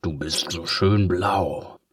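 A man voicing a sly, sinister ink-eraser pen in a dark, scratchy, slow whisper for a storybook. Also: low voice, breathy edge, no room sound, clean studio sound, full character voice. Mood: creeping. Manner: slow, creeping, hissing.

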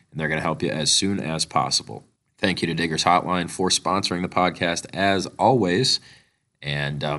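A male podcast host fighting a chest cold, talking a bit monotone with lots of fillers as he reads a sponsor spot. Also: very deep voice. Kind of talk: sponsor read and interview.

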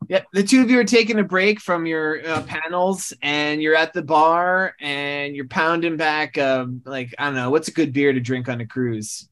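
A man's voice: on the high side, fairly even intonation, normal speed, hardly any pauses, fairly bright tone, smooth. A male podcast host improvising a comic story, rambling and correcting himself as he goes. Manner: rambling, self-correcting, laughing at own jokes.

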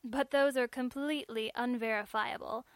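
A woman reading the part of a brisk female school registrar, stern yet wry, asking crisp, probing questions. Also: a little high, fairly even intonation, dry recording, lightly acted.

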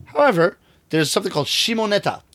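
Animated middle-aged male storyteller. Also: high voice, quick pace. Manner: animated storyteller, acts out quoted voices. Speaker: rakugo storyteller, guest. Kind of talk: casual interview talk.

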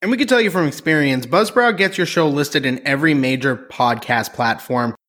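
A man with a husky voice co-hosting a casual podcast, restarting and repeating his lines. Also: fairly high pitch, a little fast, a bit bright. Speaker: podcast co-host.

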